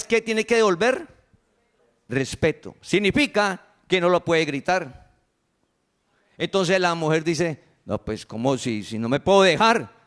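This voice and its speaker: A woman with a Santander Colombian accent delivers a sermon in an emphatic way. She keeps asking her listeners rhetorical questions. When she quotes other people, she drops into a lower, acted-out tone. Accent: Santander Colombian Spanish. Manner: acts out quoted voices in a lowered tone. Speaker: preacher.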